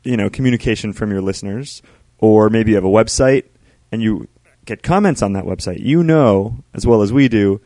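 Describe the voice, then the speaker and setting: A man co-hosting a casual podcast, his voice hoarse and gravelly from shouting. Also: fairly low pitch, fairly quick, no room sound. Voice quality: gravelly, frog in the throat. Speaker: podcast co-host.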